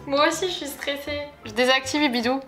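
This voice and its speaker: A young woman from France, vlogging on busy city streets in a chatty, excitable, slangy way on a lapel mic. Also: high-pitched, brisk. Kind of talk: casual travel vlog. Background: loud background music.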